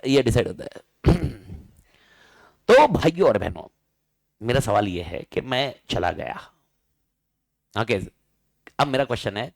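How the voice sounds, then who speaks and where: A male teacher giving a lively classroom lecture, bantering and firing questions at his students. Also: medium pitch, dry recording, poor audio.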